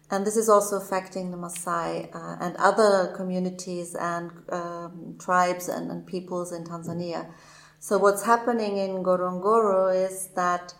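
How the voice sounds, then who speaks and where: Woman, somewhat low voice, hesitant, many fillers, echoey room. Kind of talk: panel discussion.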